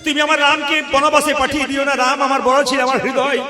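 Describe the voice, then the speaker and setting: Man playing a desperate old king in a devotional tale; high, loud, wailing pleas over music. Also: level tone, fairly quick, reverberant. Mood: anguished pleading. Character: grief-stricken old king pleading loudly.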